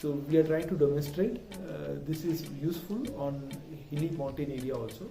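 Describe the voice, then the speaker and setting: Male vlogger, Malayali accent, unhurried and fairly high-pitched, code-mixing Malayalam and English; distant, echoing sound. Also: vocal fry. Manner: mixes Malayalam and English, switching mid-sentence. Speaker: vlog presenter. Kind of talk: casual vlog talk. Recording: roomy, distant mic with music behind.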